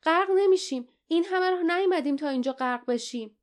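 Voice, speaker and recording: A woman's voice: a little high, steady tone, natural voice. A woman reading an audiobook, voicing a stubborn teenage boy hero with breathless, determined lines. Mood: defiant.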